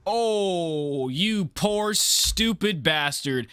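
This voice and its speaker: Young man, reaction host, lively swinging pitch, bright tone, loud outbursts, headset mic. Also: extremely slow, clean tone, dry recording. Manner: animated, exclaiming and swearing at jump scares. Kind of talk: casual reaction commentary. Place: gaming room at a desk.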